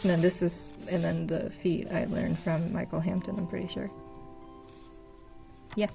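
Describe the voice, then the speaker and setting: Speaking a little slowly in a low, creaky voice with little pitch variation, a young woman gives a casual tour of her old sketchbooks. She's an art vlogger, soft-spoken and hesitant, using lots of fillers as her voice wears out. Game music plays behind her.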